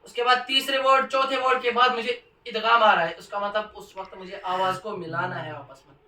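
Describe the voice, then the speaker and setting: Male Quran teacher, emphatic, quizzes pupils; bright tone, distant mic in a reverberant room. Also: high-pitched, fairly even intonation. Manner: emphatic, quizzes the class with repeated questions. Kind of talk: classroom lesson.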